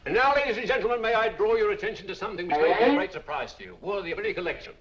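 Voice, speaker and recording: A showy auctioneer on an old film soundtrack. His pitch sits a touch high and swings around in a lively way as he coaxes the room. The sound is dull. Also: rapid-fire. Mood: coaxing. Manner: showy sales patter, coaxing. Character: patter-spinning male auctioneer.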